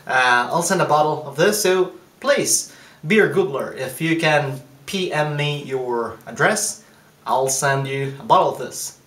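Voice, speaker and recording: A man giving a casual, thoughtful taste review of his own beer, pausing often with fillers and restarts. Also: fairly high pitch, animated, a bit bright, reverberant. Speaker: home brewer.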